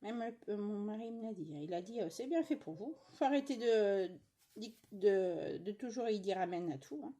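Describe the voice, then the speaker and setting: Husky chatty woman grumbling at home. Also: mid-range voice, expressive, moderate pace, mellow. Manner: chatty, grumbling, lots of fillers and asides. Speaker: cross-stitch vlogger. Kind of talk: casual chat while stitching.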